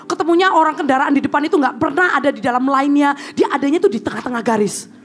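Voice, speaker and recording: A woman's voice: sits high, quick pace, fairly bright tone. A woman preaching a conversational sermon. She makes playful asides to the audience and acts out prayers in a pleading voice.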